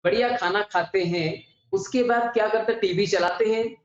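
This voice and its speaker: A man's voice: high-pitched, moderate pace. A male teacher giving an exam-prep grammar lesson, asking his students questions and answering them himself, and addressing them fondly. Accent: Hindi heartland. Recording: dull echoey classroom audio.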